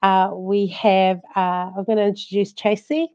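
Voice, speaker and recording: A woman's voice: medium pitch, level tone, unhurried, darkish tone, smooth. A woman, hosting a casual live talk show from a small room. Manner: hesitant, informal phrasing with Samoan greetings. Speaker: live stream host. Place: small room indoors at home. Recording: dull lo-fi video call audio.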